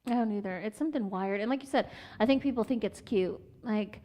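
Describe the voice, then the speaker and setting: A woman's voice: mid-range voice, brisk, mellow. A woman in her forties co-hosting a podcast, chatting casually and laughing often. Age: 40s. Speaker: podcast co-host. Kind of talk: casual chat.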